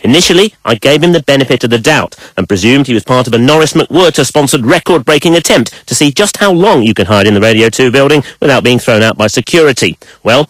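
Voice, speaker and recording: A man's voice: medium pitch, animated, quick pace, few pauses, no room sound, low-quality recording. A British man hosting a comic radio show, mixing scripted links with interview chat. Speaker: radio host.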